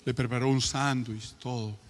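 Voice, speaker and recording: A man's voice: medium pitch, fairly even intonation, normal speed. A man with a Chilean accent preaching a sermon, telling a family story and then pleading with passion. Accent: Chilean Spanish. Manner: storytelling, rising to impassioned pleading. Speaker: pastor. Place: church. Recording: reverberant church hall with music.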